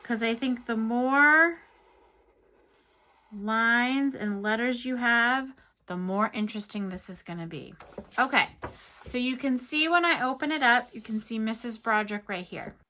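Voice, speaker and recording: A woman with a fairly high, very bright voice leads a children's art lesson. She speaks as a teacher and host, explaining things step by step in simple words. Her manner is encouraging. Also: a little slow. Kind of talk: instructional craft lesson for children.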